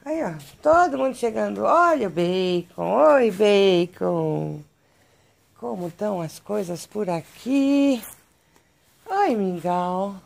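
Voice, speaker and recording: A Brazilian woman with a gravelly, medium-pitched voice speaks slowly and expressively while vlogging outdoors on a handheld phone. Surrounded by animal pens and a vegetable garden, she narrates casually and coos affectionately at her pets in baby talk.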